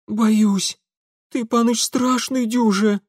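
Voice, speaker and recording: A man's voice: extremely high pitch, fairly even intonation, breathy edge, no room sound, clean studio sound, voice pushed up, full character voice. A man voicing a frightened, tearful young factory girl who rattles off her words in a whiny rustic way. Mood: pleading. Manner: rapid, whiny, dialect-tinged speech.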